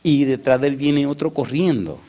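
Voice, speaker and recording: A man's voice: mid-range voice, animated, moderate pace, mellow. A male pastor preaching to his congregation in a conversational style. He asks them questions directly and moves easily into telling stories. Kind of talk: sermon.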